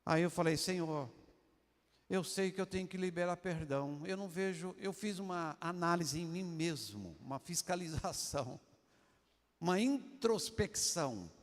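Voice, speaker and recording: A man's voice: sits high, moderate pace, in a large hall. An older man with a Brazilian Portuguese accent, a pastor telling a personal story in a sermon and addressing the congregation as brothers. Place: church.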